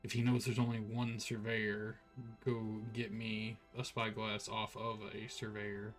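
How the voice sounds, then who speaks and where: A man's voice: lowish voice, monotone, unhurried, faint music behind. Tired, rambling male game streamer. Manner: laid-back, rambling, heavy use of "like". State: tired, yawning. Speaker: streamer playing an online RPG. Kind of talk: casual gameplay commentary.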